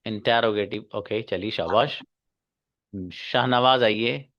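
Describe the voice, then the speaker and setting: Patient male teacher repeating slowly. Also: on the low side, a bit bright, dull audio. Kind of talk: online English grammar class.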